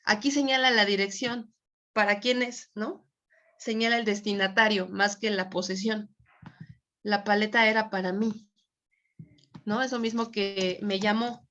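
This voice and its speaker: A woman's voice: medium pitch, fairly even intonation, a little slow, pauses often, fairly bright tone. A woman teaching a Spanish grammar class online, patiently checking that students follow. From Mexico. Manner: patient, checks understanding often. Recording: dull lo-fi audio.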